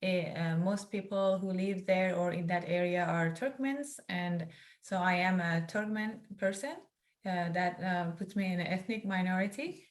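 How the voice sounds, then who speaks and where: A young woman from northeast Iran, an author appearing as a guest, introduces herself and her book over a video call. She's earnest and grateful, speaks in quick bursts, and has a fairly low-pitched voice.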